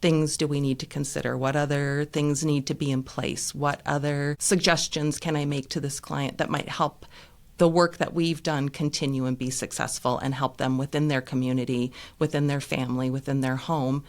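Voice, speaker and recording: Guest, female lawyer and nonprofit director from Nevada; clear, explanatory, lists things out. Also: low-pitched, fairly even intonation, moderate pace. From Reno, Nevada. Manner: articulate, explanatory, listing things. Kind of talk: interview guest.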